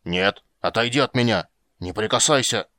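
A man voicing a grumpy, stubborn old male dwarf who shouts and curses in an audiobook. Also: on the low side, a little fast, no echo, clean studio sound, lightly acted. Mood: shouting. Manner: gruff, shouting, cursing.

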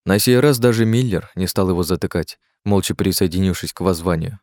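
A man narrating an audiobook in a steady, measured storytelling voice. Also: low voice, no echo. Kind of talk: scripted narration.

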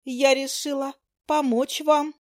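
A woman's voice: sits high, level tone, slow, no echo, studio quality, voice pushed up. A woman voicing a shy young werewolf girl who talks timidly and stammers, in a storybook reading. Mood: shy, nervous.

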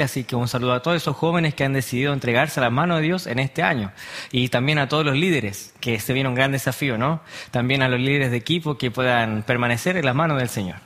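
A man's voice: medium pitch, a bit bright. Earnest Chilean man in his twenties. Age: 20s. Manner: earnest, leads prayer. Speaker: guest, youth missionary.

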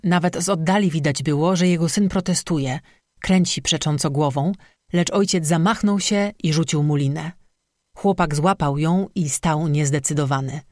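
An audiobook narrator reading a legend in a steady, measured scripted narration. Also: medium pitch, no room sound, clean studio sound.

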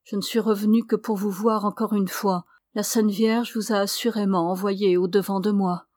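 A woman voicing an exhausted, grief-stricken young man, halting and subdued. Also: medium pitch, fairly even intonation, a little mellow, dry recording, clean studio sound, close to an everyday voice. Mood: grieving, weary.

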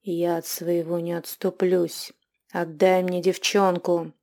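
A woman voicing a grieving, brooding male werewolf who talks in a hushed voice, often slow and whispered. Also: on the low side, level tone. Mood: defiant.

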